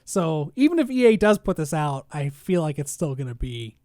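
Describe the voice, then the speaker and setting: A man's voice: a little high, very animated, moderate pace, darkish tone, no echo, clean studio sound. A man co-hosting a gaming news podcast, reading articles aloud and then riffing on them with sarcastic asides in casual chat. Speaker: podcast co-host.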